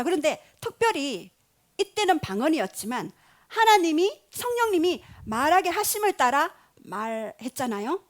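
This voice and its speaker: Female pastor, high and very lively pitch, animated storyteller in a sermon. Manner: animated storytelling, acting out quotes.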